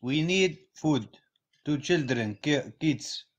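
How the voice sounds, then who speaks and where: Brief: young man on a phone live stream, slightly high voice, slow, repetitive pleas in broken English. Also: lively intonation. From North Syria. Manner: repetitive, pleading, simple halting English. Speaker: livestreamer asking viewers for support. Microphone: phone in a live video call.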